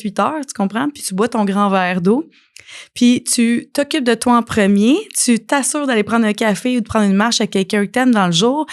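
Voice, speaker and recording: A woman with a Québécois French accent hosting her own podcast, talking casually and coaching the listener, acting out little scenes as she goes. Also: mid-range voice. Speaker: podcast host and life coach. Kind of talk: casual solo podcast talk.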